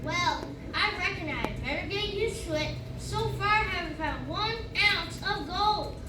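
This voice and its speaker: An achy, folksy old prospector, played by a girl in a school play. The voice is very high, distant in an echoey hall under loud noise. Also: expressive, unhurried, a loud crowd. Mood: weary, hopeful. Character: married forty-niner prospector, achy and folksy. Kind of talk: school stage play recitation.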